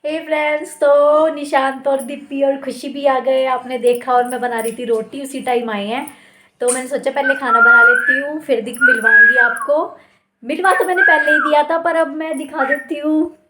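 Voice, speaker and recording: A woman's voice: high-pitched, level tone, moderate pace. A young woman chatting casually to her viewers while cooking in her home kitchen. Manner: chatty, addresses viewers as friends. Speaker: vlogger. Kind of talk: casual home vlog chat. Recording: noisy home recording.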